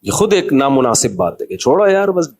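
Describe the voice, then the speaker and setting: A man's voice: mid-range voice, very animated, darkish tone. A man from Pakistan giving a humorous, conversational religious talk as a cleric. He jokes and speaks straight to his listeners. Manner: chatty and joking, addresses listeners directly.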